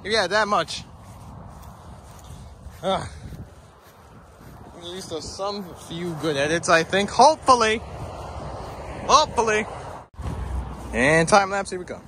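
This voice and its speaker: A man vlogging outdoors near the woods in a rough morning voice, bantering, grumbling and joking as he talks. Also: sits high, slow pace, pauses often, sharp tone, slight background noise. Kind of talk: casual outdoor vlog chat.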